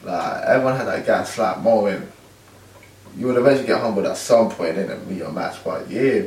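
A man's voice: lowish voice, brisk, a little mellow. Young London man chatting, echoey room. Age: young adult. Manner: slangy, conversational, repeats tag questions. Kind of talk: casual chat. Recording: echoey room, distant from mic.

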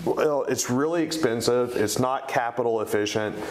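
A man's voice: medium pitch, normal speed, slight background noise. A middle-aged man with an East Tennessee accent, answering interview questions in a conversational way. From East Tennessee, United States. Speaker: interview guest, company co-founder. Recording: roomy, echoing sound.

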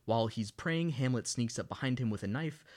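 A man in casual podcast chat, walking through a film's plot with dry sarcasm. His voice sits at a middle pitch, and he breaks into exaggerated quotes to mock what he's describing. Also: lively intonation, brisk, a little mellow. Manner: sarcastic, mocking recap with hammy quoted lines. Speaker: podcast co-host recapping a film.

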